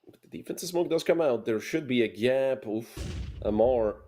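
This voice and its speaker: A man casting a competitive shooter match solo, giving quick play-by-play with dry asides. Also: mid-range voice, animated, mellow. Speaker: esports caster.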